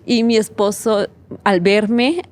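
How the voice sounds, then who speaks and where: A woman's voice: mid-range voice, fairly even intonation, takes it slowly. Heartfelt woman sharing her testimony. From Bolivia. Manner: heartfelt storytelling, acts out the words of others; emotional, with nervous laughs between phrases. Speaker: guest. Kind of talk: personal faith testimony in a podcast interview.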